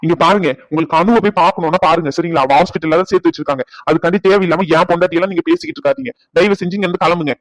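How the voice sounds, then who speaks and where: A man plays an indignant cartoon son defending his wife, his lines racing out at a very fast clip. The voice sits fairly high for a man and is recorded dry and close. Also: animated, dry recording, low-quality recording. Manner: indignant, rapid arguing. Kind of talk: cartoon family-drama voice acting.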